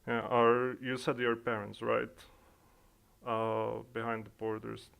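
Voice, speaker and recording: A young man with a Czech accent chats casually on a livestream, speaking slowly and hesitating often. His voice is gravelly with a fry, and his delivery stays fairly flat. He talks into a desk microphone. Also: mid-range voice, narrow, tinny audio. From Czech Republic. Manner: hesitant, thinking aloud with many fillers. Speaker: streamer. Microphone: desk microphone being adjusted in streaming software.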